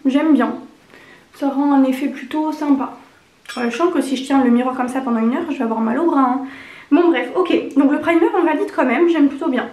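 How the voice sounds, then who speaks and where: A young woman talks in a high-pitched voice with a honking, congested edge from a lingering cold. She rambles informally as a beauty vlogger reviewing makeup. The room around her sounds noticeably echoey. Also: a little mellow. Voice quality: slightly honking, congested duck-like voice. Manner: chatty, rambling, informal slang. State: getting over a cold. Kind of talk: casual chatty makeup review.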